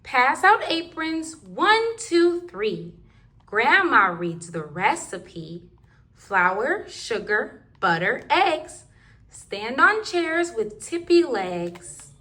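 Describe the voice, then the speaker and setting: A woman's voice: high voice, very animated, drawn-out words, sharp tone. A woman reading rhyming picture books aloud to toddlers in a sing-song, rhythmic way. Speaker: children's book reader.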